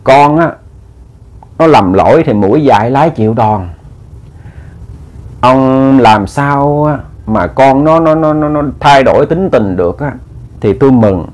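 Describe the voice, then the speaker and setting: Old widow mom praying quiet and slow, guy voicing her. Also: mid-range voice, lively intonation, close to an everyday voice. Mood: pleading. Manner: soft, pleading. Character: pleading widowed old mother praying softly.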